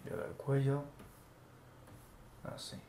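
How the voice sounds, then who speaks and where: A man calmly talking through each step as he draws, narrating an animation tutorial. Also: measured pace. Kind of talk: screen-recorded drawing tutorial. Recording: echoey room with faint noise.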